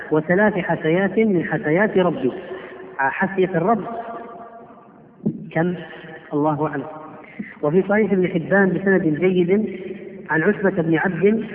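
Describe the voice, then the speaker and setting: A man giving a religious lesson, explaining hadith slowly and deliberately, word by word. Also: high-pitched. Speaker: Islamic scholar teaching. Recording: tinny, echoey hall recording.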